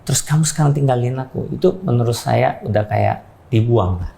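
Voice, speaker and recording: A man's voice: mid-range voice, fairly quick, gravelly, mellow. A man giving a candid, plain-spoken faith testimony about his past. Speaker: guest sharing a testimony.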